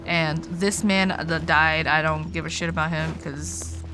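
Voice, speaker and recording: With game music behind her, a weary streamer talks loosely and rambles as she plays, her sentences frequently trailing away. She has a deep voice with fairly even intonation and a measured pace.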